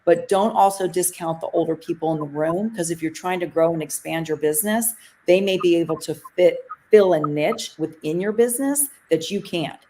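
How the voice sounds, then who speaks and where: Casting: deep-voiced woman co-host, measured advice, faint background noise. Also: mellow. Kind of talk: casual podcast chat.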